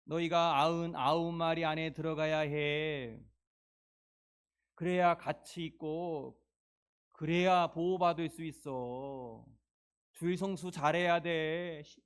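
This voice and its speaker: A man's voice: on the high side, fairly bright tone, smooth. A man voicing a strict religious legalist who insists on a list of rules in a lecturing tone.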